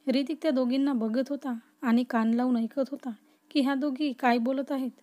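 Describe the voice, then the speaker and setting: Woman reading a long family story, steady and even, high mellow voice. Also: normal speed. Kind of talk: story narration.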